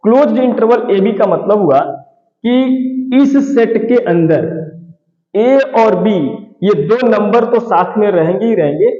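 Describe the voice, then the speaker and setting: A man's voice: high voice, dark tone, reverberant, long reverb tail, lo-fi sound. A man teaching a math lesson, explaining patiently and often ending his points with "right". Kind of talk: classroom-style lesson explanation.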